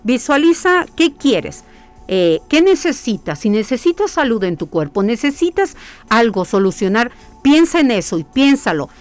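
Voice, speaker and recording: Faint music plays behind a woman guest describing the spiritual hiking workshops she leads. Earnest and unhurried, at a mid-range pitch, she loops back on phrases and poses rhetorical questions to herself in this conversational interview.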